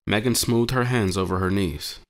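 Very deep-voiced man narrating a story. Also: moderate pace. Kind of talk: first-person story narration.

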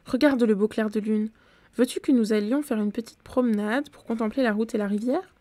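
A woman's voice: on the high side, fairly quick, warm tone, no room sound, close to an everyday voice. A woman reading as a languid vampire girl. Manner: languid, murmuring.

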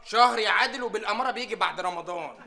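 A gravelly, high-voiced, dim grown man. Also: very fast, noisy background. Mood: stubborn, whiny. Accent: Egyptian Arabic. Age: 20s. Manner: whiny and indignant, gravelly. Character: dim-witted, childlike, stubborn grown man. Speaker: sitcom character. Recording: studio laugh track behind.

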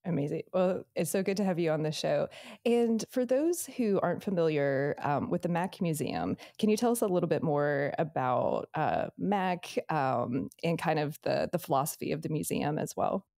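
Enthusiastic woman podcast host, gravelly low. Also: lively intonation, normal speed, darkish tone, no room sound, clean studio sound. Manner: enthusiastic, many fillers in chat. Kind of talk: scripted intro then casual chat.

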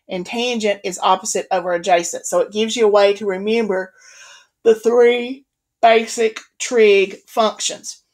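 A woman math instructor giving a recorded video lecture, patient and repeating key points with the odd "um" and "okay". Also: medium pitch.

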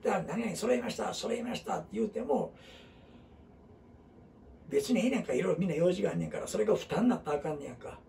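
Kansai guy rambling thru a class, gravelly voice, bouncy pitch, kinda far from the mic. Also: lively intonation, very fast, pauses often, dark tone, slight background noise. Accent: Kansai Japanese. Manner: rambling, talks in dialect with many fillers and asides. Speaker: teacher of a group. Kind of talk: casual classroom talk.

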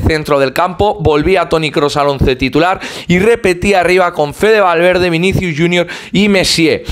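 A man with a fairly high voice delivers a match recap as a voice-over. He talks fluently and gives opinionated football analysis, pausing now and then on an "eh". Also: a bit bright. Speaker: fan channel host.

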